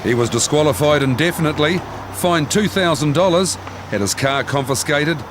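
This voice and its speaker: A man's voice: a little high, animated, moderate pace, background noise. A man with a New Zealand accent reading scripted narration for a police documentary series. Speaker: narrator of a police reality TV show.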